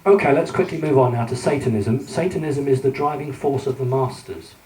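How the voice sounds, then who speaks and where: A man's voice: medium pitch, a little fast, a crowd in the background. A man giving a conference lecture from slides, earnest and hesitant with many fillers. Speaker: conference speaker. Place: conference hall. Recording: echoey hall, mic at a distance.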